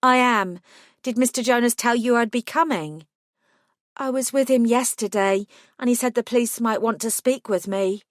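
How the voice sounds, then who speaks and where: A woman voicing a gentle young cafe worker and nursing student with a faint London accent, speaking softly and earnestly. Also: on the high side, moderate pace, dry recording, clean studio sound, voice pushed up, natural voice. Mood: anxious.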